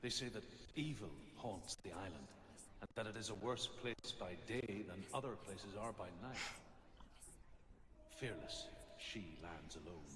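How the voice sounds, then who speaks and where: A man in a video game voicing a grave storyteller of old Norse legends, solemn and measured, with long echo. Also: fairly low pitch, animated, crowd noise. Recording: long echoing reverb over noisy ambience.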